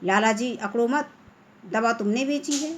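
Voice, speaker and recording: A woman's voice: fairly high pitch, a little slow, a little hiss or hum, lightly acted. A woman voicing a protective village father who grows firm and scolding. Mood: angry. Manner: firm, scolding toward the shopkeeper.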